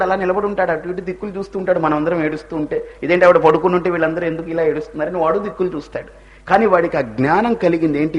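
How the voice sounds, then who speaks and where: A man's voice: a little high, husky. A man giving a spiritual discourse, telling stories with rhetorical questions and rising emphasis. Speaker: religious speaker.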